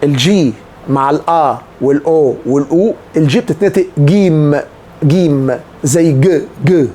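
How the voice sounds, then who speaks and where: A man's voice: a little high, normal speed, mellow. A man with an Egyptian Arabic accent teaching a language lesson, patiently repeating example words to drill pronunciation. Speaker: Italian teacher.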